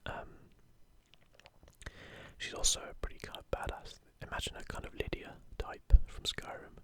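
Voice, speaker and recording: In a soft, breathy whisper with no voicing, this gaming ASMR video maker talks in an easy, unhurried manner. His gentle commentary is casual, punctuated by passages he reads aloud.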